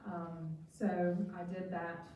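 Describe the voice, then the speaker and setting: Middle-aged woman, Appalachian accent, lowish pitch, informal self-introduction at a meeting, heard in a very reverberant room. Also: level tone, slow pace, dark tone. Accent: Appalachian (West Virginia). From West Virginia. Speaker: nursing home administrator introducing herself. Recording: very echoey hall, distant mic, faint noise.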